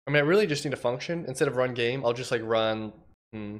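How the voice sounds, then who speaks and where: A young man from Washington state livestreams himself coding, chatting casually with his chat in a medium-pitched, fast voice. He sounds slightly nasal and congested and coughs. He thinks aloud and reads chat messages out loud.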